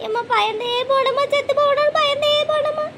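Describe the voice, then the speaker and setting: A woman's voice: extremely high pitch, fairly even intonation, fast, a bit bright, a little hiss or hum. A woman voicing a frightened, weepy old village grandmother in a cartoon. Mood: shaken, weepy. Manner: whimpering, pleading. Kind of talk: cartoon voice acting.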